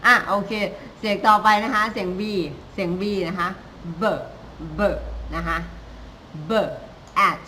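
A woman with a bright, clear voice leads a live phonics lesson, drilling letter sounds one at a time. She speaks slowly and patiently, repeating each sound again and again, with faint noise behind her. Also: medium pitch, low-quality recording. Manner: slow, repetitive drilling of sounds with polite Thai particles. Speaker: English phonics teacher.

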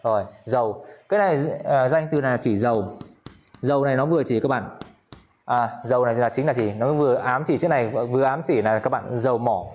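A man's voice: mid-range voice, fairly quick, darkish tone. Man, English teacher, casual lesson, repeats words, chatty asides.

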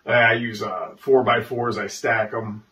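A man's voice: medium pitch, fairly even intonation, takes it slowly, bright, forceful tone. A man hosting his own carving channel, opening a vlog with dry, sarcastic humor and a chatty, filler-heavy way of talking. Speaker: chainsaw carver, channel host. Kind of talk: casual vlog intro. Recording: distant, dull sound.

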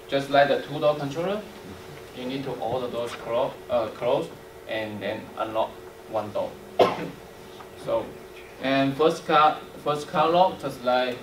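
The trainer, a young man of medium pitch whose first language isn't English, explains technical steps haltingly and in fragments. A distant camera mic captures him in an indoor workshop room before a small audience, giving a roomy, noisy recording from far off.

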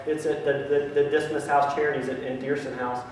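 A man's voice: a little high, flat delivery, fairly quick, darkish tone, far from the mic, slight background noise. Earnest man preaching in an echoey sanctuary. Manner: earnest and grateful, with many restarts and ums. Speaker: pastor. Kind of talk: sermon. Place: large church sanctuary.

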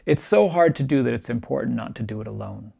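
Talking quickly, the gravelly-voiced, middle-aged meditation teacher gives a recorded keynote with a calm, reflective manner, gently emphasizing his points. His pitch is mid-range for a man, and a camera at chest height faces him in a small, bright room.

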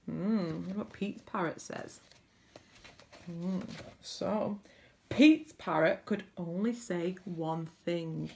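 A woman's voice: on the low side, very slow, gravelly, mellow. A woman reading a picture book aloud to children, adding chatty asides between the lines. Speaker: storybook reader.

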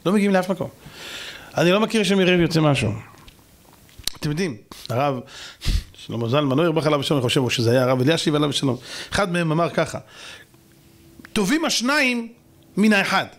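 A man's voice: on the high side, animated, long pauses. A man, a rabbi, preaching a sermon in an emphatic style full of rhetorical questions. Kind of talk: sermon to a congregation.

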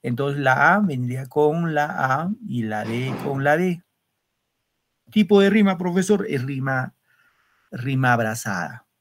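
A man with a medium-pitched, animated voice speaks a little slowly. He is a secondary school literature teacher holding an online class over video call, walking through the material step by step and constantly checking in with students by asking "¿no?".

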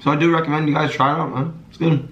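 A man's voice: a little high, flat delivery, very fast, fairly bright tone, highs cut off. A young man from Canada co-hosting a casual food review vlog, laid-back and joking, laughing often. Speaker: vlog co-host. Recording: echoey room, mic at a distance, faint noise.

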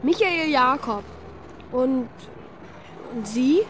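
A man's voice: very high voice, animated, drawn-out words, fairly bright tone, a little hiss or hum, heavily acted. An actor playing a cheeky, curious boy who talks back, in an old radio play. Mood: grumbling, cheeky. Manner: sulky, back-talking. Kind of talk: 1970s radio play acting.

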